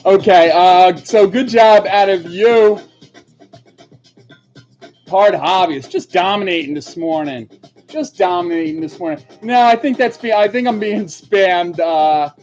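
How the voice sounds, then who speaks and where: Hosting a livestream trivia show, a man with a high-sitting, darkish voice chats casually, laughs often, and reads out viewers' comments. The stream audio is dull and lo-fi, with faint music behind.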